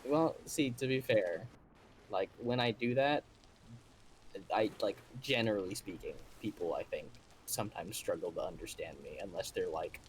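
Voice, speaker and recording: A man talking quickly as a guest on a live stream, his sentences trailing off softly. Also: fairly low pitch, slight background noise. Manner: talks fast, trailing off softly. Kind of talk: casual chat.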